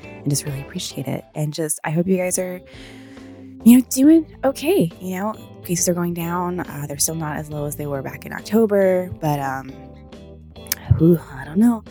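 Woman podcast host, congested and low-pitched, casual and sardonic, swears a lot. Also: expressive, moderate pace, mellow, soft background music. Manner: sarcastic-sounding, swearing, rambling. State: stuffy nose.

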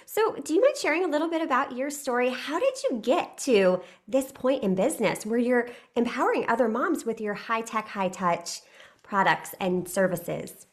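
A bubbly woman hosts a podcast, her voice a little high and swinging widely in pitch. She gushes over her guest and asks her questions with bright enthusiasm. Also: expressive, moderate pace. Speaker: podcast host. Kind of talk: casual podcast interview.

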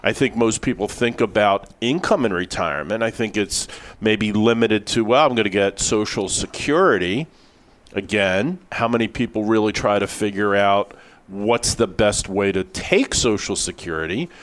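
A man's voice: fairly low pitch, moderate pace. Emphatic man, radio finance host. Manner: emphatic, repeats words for stress. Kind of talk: radio show conversation.

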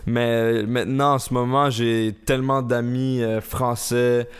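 A 21-year-old man from the Laurentides with a Quebec French accent, chatting casually as a podcast guest, relaxed and unhurried with frequent hesitations. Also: medium pitch, smooth.

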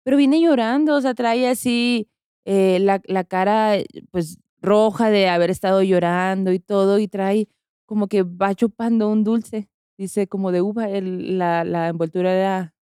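A woman's voice: mid-range voice, warm tone, clear, resonant tone, no echo, studio quality. A woman with a Mexican accent, a podcast host casually retelling a story with many fillers and slangy asides.

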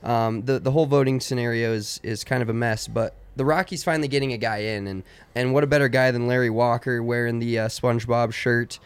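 A man talks casually on a sports panel in a middle-pitched voice. He circles back over words as he goes. The recording is close and dry. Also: steady tone, fairly quick, hardly any pauses, smooth, no echo.

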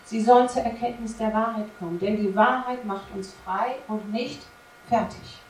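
A woman's voice: fairly high pitch, normal speed, slight background noise. A woman preaching a sermon to her congregation, emphatic and full of rhetorical questions. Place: church service. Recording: echoey room from a distance, faint ambience.

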